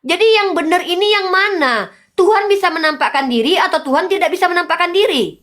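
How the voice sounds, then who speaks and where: Woman, high-pitched, insistent, lecturing, heated debate. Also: animated, fairly quick, fairly bright tone. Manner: insistent, lecturing, repeats rhetorical questions.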